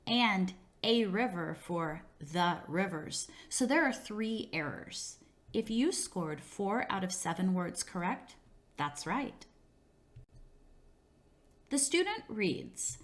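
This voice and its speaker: Woman narrator for a teacher training module, unhurried and clear, mid-pitched, methodical delivery. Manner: measured, clear, step-by-step explaining. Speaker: instructor in a teacher training video. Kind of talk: scripted instructional narration.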